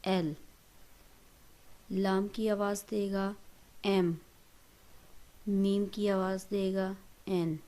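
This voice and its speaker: A woman's voice: medium pitch, flat delivery, long pauses, dark tone. A woman giving a patient, step-by-step language lesson, often checking in with "right?". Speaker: English teacher.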